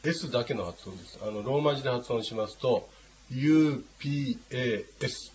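A man teaching a language class, patient and unhurried, with many hesitating fillers. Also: mid-range voice, a little mellow. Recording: dull lo-fi with faint noise.

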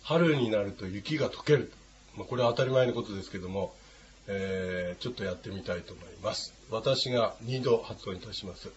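Language teacher, male, lowish voice, patient with frequent fillers; dull lo-fi recording with a faint hiss. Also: brisk. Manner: patient, many hesitation fillers. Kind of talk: classroom language lesson.

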